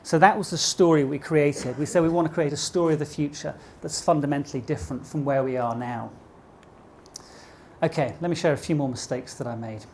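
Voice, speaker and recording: The speaker is a middle-aged man with a posh British accent giving a live motivational business keynote, using rhetorical questions to engage the room. His voice sits a little high and is darkish, with fairly even intonation and a slightly fast pace, plus slight background noise.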